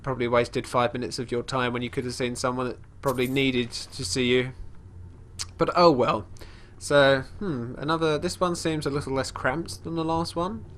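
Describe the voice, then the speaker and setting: A mid-range, fairly bright voice with fairly even intonation comes from a congested man speaking at a moderate pace. He's hosting a casual let's play of a fantasy game, rambling as he describes his character's actions. He talks about the character in third person and frequently restarts sentences.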